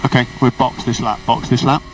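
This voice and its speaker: Through a crackly, distant motorsport team radio full of car and engine noise, a man talks briskly at a medium pitch and level tone. He's the race engineer, delivering terse, by-the-book directions.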